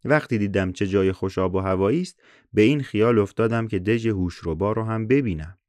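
A man's voice: fairly low pitch, a little mellow, no room sound, clean studio sound, natural voice. A man voicing a lovestruck young male traveler who pleads his case as a suitor in a folk tale. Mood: earnest.

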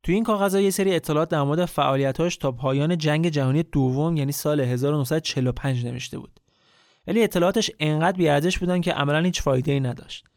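Male storyteller, slightly high voice, dry close sound, chatty and direct with listeners. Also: dry recording. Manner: colloquial, speaks straight to the listener. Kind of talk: casual spoken storytelling.

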